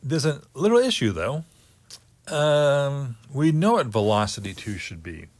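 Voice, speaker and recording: A man giving a physics lecture on orbits, working through figures slowly and thinking aloud with many pauses. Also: medium pitch, sing-song, dry recording. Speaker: teacher.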